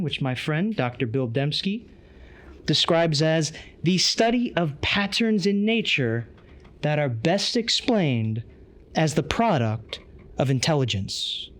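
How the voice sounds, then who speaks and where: A man's voice: a little high, lively intonation, unhurried. A man giving an earnest, emphatic conference lecture, reading from a tablet.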